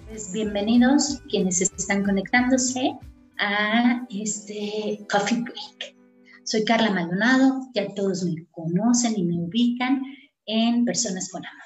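A woman host guiding listeners in short, unhurried phrases with long pauses, as in a meditation. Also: on the high side. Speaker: host leading a guided breathing meditation. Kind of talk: guided meditation, slow and soothing instruction. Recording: roomy, echoing sound.

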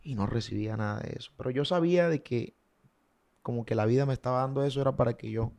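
A man, a singer telling stories in a casual interview, animated and fond of sound effects. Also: mid-range voice, fast talker.

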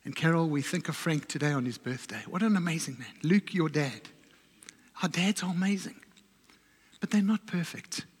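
A man preaching a sermon, telling a personal story in a reflective way and often dropping his voice low and soft. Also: moderate pace, breathy edge, big-room sound. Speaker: pastor. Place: church.

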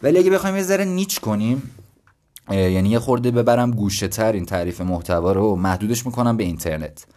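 Young man, low voice, solo podcast host, casual explainer, thinks out loud, self-deprecating. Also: animated. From Iran. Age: 20s.

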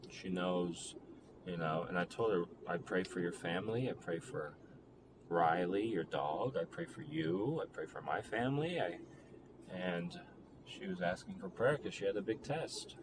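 Speaking in a deep, low voice, a young man reflects on a relationship in a halting, rambling personal monologue full of fillers and restarts. Noticeable background noise runs beneath him.

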